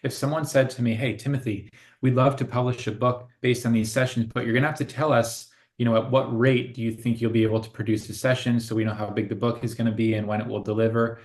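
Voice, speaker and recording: A man's voice: mid-range voice, flat delivery, quick pace, few pauses, a little mellow. A man co-hosting a casual spiritual conversation, speaking in an earnest, reflective way and laughing often. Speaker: co-host.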